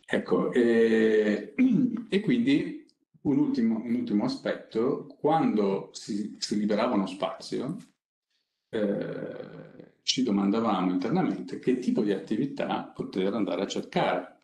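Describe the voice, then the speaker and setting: Low-voiced man in echoey conference room. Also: lively intonation, darkish tone. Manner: conversational, unscripted, halting with frequent pauses. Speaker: company innovation director presenting a project. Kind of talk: panel presentation. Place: conference room seated at a panel table.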